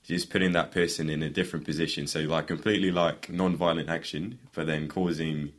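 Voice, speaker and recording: Man, extremely deep voice, casual podcast chat, rambling. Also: fairly even intonation, a little fast. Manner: rambling, laughs at his own points. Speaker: podcast co-host.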